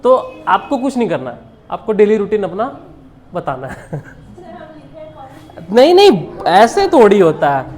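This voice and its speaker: A male English teacher in a classroom, speaking in a fairly high voice. He fires questions at his students, switches easily between Hindi and English, and laughs lightly as he corrects their sentences. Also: very animated, takes it slowly, long pauses, darkish tone. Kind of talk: live classroom lesson.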